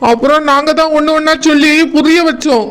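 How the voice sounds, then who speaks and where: A man voicing a patient elder brother in a cartoon, with a Kanyakumari Tamil accent and a slow, soothing way of explaining. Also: extremely high pitch, steady tone, fairly bright tone. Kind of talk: cartoon voice acting.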